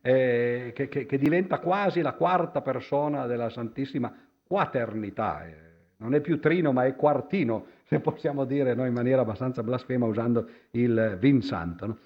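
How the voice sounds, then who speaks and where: A man's voice: medium pitch, normal speed, muffled recording. Man lecturing, tags lines with "no?". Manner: conversational, constantly adds a questioning "no?"; hesitant, with many fillers and restarts. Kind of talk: public lecture with slides. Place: lecture hall before an audience.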